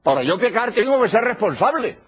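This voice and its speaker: Husky emphatic older preacher. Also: male voice, high-pitched, sing-song, fairly quick. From Spain. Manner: emphatic, repeats key phrases. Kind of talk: religious lecture. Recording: dull lo-fi old tape recording.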